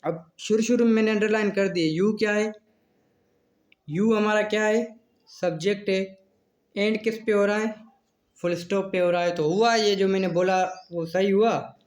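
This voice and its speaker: A man's voice: sits high, steady tone, moderate pace. A man teaching English grammar in a self-made video lesson, mixing Hindi-Urdu talk with English terms and asking and answering his own questions.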